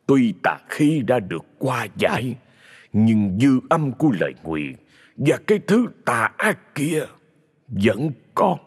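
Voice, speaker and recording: A man voicing a grave, weary old male exorcist who speaks slowly and solemnly. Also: medium pitch, big pitch swings, slightly rough, long reverb tail, full character voice.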